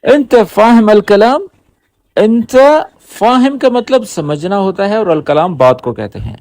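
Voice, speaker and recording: High, lively man teaching spoken Arabic. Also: no echo, clean studio sound. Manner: explains slowly, repeats phrases word by word. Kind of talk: language lesson.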